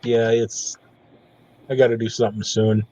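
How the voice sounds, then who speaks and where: A man's voice: lowish voice, level tone, normal speed, mellow, low-quality recording. A man who is a regular of the stream, chatting in an easygoing, folksy way over a call. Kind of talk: casual chat.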